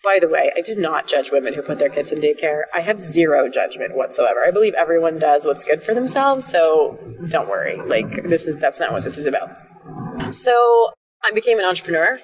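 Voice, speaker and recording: Woman life coach rambling on her podcast, kinda low voice, sits a bit back from the mic, swears a lot. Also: distant mic, rough recording. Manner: chatty and animated, swears freely, laughs often, acts out her own reactions. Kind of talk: casual solo podcast monologue.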